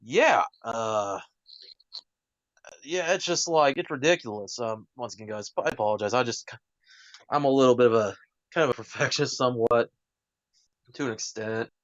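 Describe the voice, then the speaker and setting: A man's voice: medium pitch, moderate pace, long pauses, no room sound, highs cut off. Rambling man hosting a live stream. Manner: rambling, many fillers, self-correcting asides. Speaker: livestream host. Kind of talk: casual rambling chat. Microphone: wired headset.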